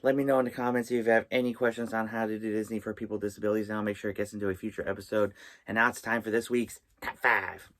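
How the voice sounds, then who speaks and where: A man hosting a vlog from inside a small RV trailer, presenting in a halting way with pauses mid-sentence. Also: fairly low pitch, little pitch movement, a bit bright. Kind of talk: vlog presenting, tips and top-five countdown.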